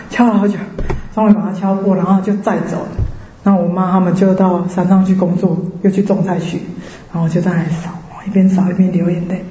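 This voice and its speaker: A woman from Taiwan with a Taiwanese Mandarin accent, giving a personal faith testimony as a lively storyteller who acts out the voices of people she quotes. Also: medium pitch. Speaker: church member giving testimony. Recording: roomy, slightly dull sound.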